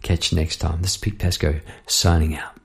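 Gravelly New man spinning a yarn. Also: deep voice, level tone, brisk. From New Zealand. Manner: chatty, rambling, laughs between lines. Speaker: podcast host and songwriter. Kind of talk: casual storytelling monologue.

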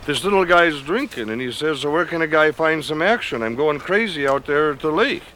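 An actor with a Minnesota accent playing a chatty small-town bartender in a film scene, telling a story with a folksy lilt. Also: male voice, on the high side, expressive, brisk, sharp tone, a little hiss or hum. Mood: gossipy. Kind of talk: film dialogue.

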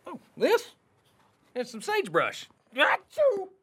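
A woman's voice: medium pitch, very animated, moderate pace, fairly bright tone, a little hiss or hum. A woman playing a drawling, folksy cowboy man in a children's video. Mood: puzzled.

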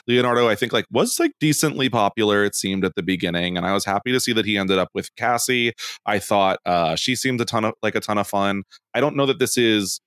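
A man's voice: lowish voice, fairly quick, a bit bright, smooth, dry recording, studio quality. A man guesting on a podcast in casual chat, thoughtful and rambling, with lots of fillers.

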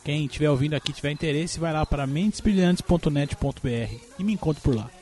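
A man's voice: on the high side, quick pace, darkish tone, soft background music. A man chatting casually as a podcaster. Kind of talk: casual chat.

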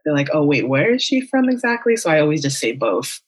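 A deep, slightly rough voice with a sing-song lilt belongs to a young adult woman who talks a little fast. As a writer and teacher from Las Vegas and Miami, United States, she answers candidly and thoughtfully in a casual podcast interview, peppering her speech with ums and likes.

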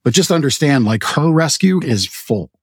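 A man co-hosting a podcast, making relaxed, chatty announcements and asking questions. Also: fairly high pitch, moderate pace, husky, no echo. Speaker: podcast co-host. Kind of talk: casual show chat.

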